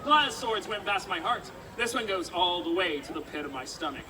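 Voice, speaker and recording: Female festival stage performer, cheeky live banter with audience; distant outdoor recording with clear crowd noise. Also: fairly low pitch, animated, fairly quick. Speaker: sword swallower, street show performer.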